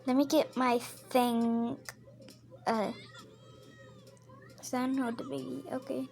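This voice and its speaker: High-voiced woman chatting through a game role-play. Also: level tone, slow, vocal fry, darkish tone, a little hiss or hum. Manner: chatty, stops to narrate what her character does. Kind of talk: casual game role-play with narrated actions.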